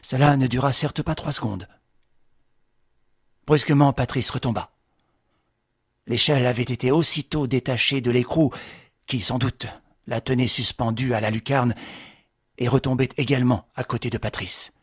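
A man's voice: medium pitch, fairly even intonation, normal speed, pauses often, breathy edge, no echo, clean studio sound. A man reading a novel aloud in a dramatic audiobook style, lifting his voice with the action. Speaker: narrator.

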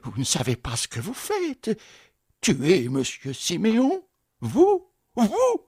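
Guy doing a jittery old concierge in an audiobook, squeaky stammery questions, voice jumps all over, kinda husky. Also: huge pitch swings, moderate pace, no room sound, studio quality, heavily acted. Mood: incredulous. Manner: stammering, shrill disbelieving questions. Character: frightened old male concierge, stammering and incredulous. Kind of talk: audiobook character voice.

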